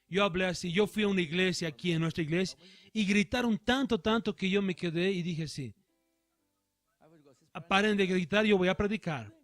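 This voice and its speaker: High-voiced man preaching a sermon. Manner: emphatic preaching with slow stressed phrases. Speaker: pastor. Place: church.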